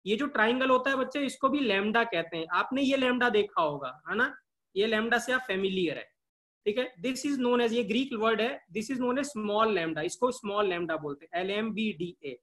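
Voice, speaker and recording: A man's voice: high-pitched, expressive, moderate pace, pushed and bright. A male chemistry teacher giving a live online class. He keeps asking questions and answering them himself, and drills key terms by repeating them.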